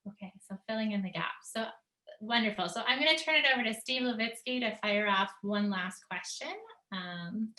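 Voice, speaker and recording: A woman moderating an online panel, brisk and keeping the discussion moving. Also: mid-range voice, pushed and bright, echoey room. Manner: brisk, keeps things moving. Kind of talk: moderating a webinar.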